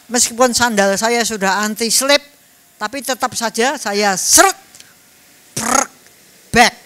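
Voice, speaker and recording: A woman's voice: on the high side, slow pace, fairly bright tone, a little hiss or hum. A woman, giving a Buddhist Dhamma talk in a chatty storytelling way. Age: 70s. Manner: chatty storytelling, mixing in Javanese words. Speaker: Dhamma speaker.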